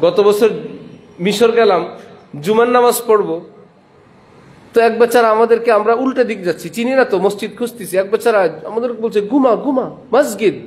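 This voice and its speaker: A man preaching a religious lecture in a Bangladeshi Bengali accent. He is a madrasa principal who asks his listeners questions, answers them himself and spells out letters and sounds slowly. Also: sits high.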